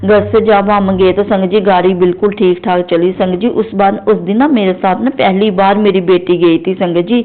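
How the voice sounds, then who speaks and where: A woman's voice: mid-range voice, steady tone, moderate pace, hardly any pauses. A middle-aged woman from Jammu telling a long personal testimony to a devotional congregation, rambling and repeating her address to the listeners. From Jammu, India. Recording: tinny phone-like recording.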